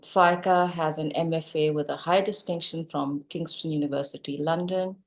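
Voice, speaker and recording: A woman's voice: low voice, steady tone, moderate pace. A woman with a Pakistani accent, hosting an interview show and introducing her guest. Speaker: talk show host.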